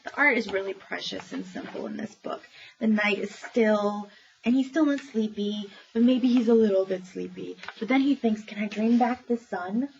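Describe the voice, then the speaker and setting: A woman's voice: mid-range voice, very animated, normal speed, gravelly. A woman public librarian casually reviewing children's books, chatty and informal with many fillers and frequent laughs. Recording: dull lo-fi recording with faint noise.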